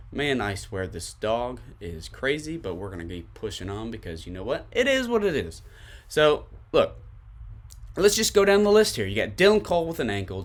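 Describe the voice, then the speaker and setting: A man's voice: medium pitch, fairly bright tone. A man with a Tennessee accent hosting a sports podcast, giving emphatic commentary to his listeners and repeating his points for stress.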